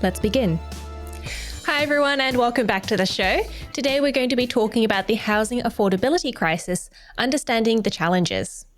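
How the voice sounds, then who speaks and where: A podcast host from Australia reads a scripted welcome, then moves into a casual interview, asking questions in a friendly, slightly hesitant manner. Her voice is a little high and brisk, with soft music behind it.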